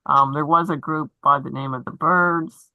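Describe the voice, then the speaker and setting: A woman's voice: low voice, fairly even intonation, normal speed, no echo, phone-quality sound. A woman receiving a reading, responding in an affirming way and laughing easily. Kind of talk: casual chat.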